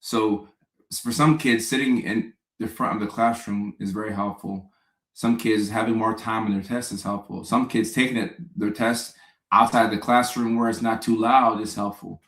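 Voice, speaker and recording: A man, hosting a casual live stream and answering viewer questions in a relaxed, chatty way with joking asides. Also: fairly low pitch, moderate pace, echoey room, low-quality recording.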